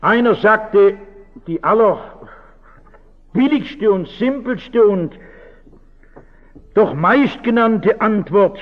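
A man speaks as a pastor in a notably high voice, earnest and searching as he turns question after question back on his listeners. His words ring out with a long reverb, and the recording sounds dull and muffled. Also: expressive, very slow, pauses often. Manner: earnest, keeps asking rhetorical questions. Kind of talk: reflective talk to an audience.

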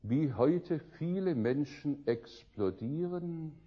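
Husky older preacher. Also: male voice, a little high, takes it slowly, muffled recording. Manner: lively storytelling, swinging between loud outbursts and quiet musing. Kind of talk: sermon.

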